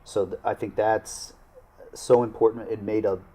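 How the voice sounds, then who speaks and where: A man, a local government official in a studio panel conversation, speaking earnestly and haltingly with many restarts. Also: lowish voice, flat delivery, mellow. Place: small TV studio.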